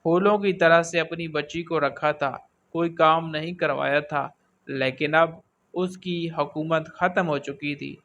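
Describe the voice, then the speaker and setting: A man reading a scripted story aloud in a steady, even storytelling manner. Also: on the high side, dull audio, a little hiss or hum.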